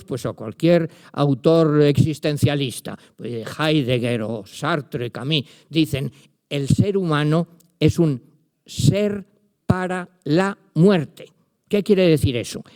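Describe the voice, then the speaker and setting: Presenting a book to an audience, an older Spanish literature professor with a Spain Spanish accent addresses his listeners directly and recites verse emphatically. He has a fairly high, slightly mellow voice with a clear, resonant tone.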